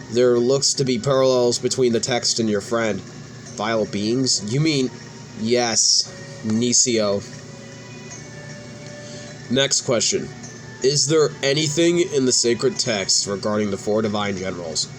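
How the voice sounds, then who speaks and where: In poor audio with music in the background, a medium-pitched man hosts a let's play. He reads cutscene dialogue aloud and sometimes stumbles and repeats words.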